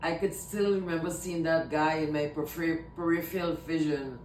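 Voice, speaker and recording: This woman vlogger, from Trinidad and Tobago and carrying a Trinidadian accent, chats casually and rambles, frequently repeating herself. Her darkish voice moves at a moderate pace with fairly even intonation, picked up by a distant mic in an echoey room over a faint rumble.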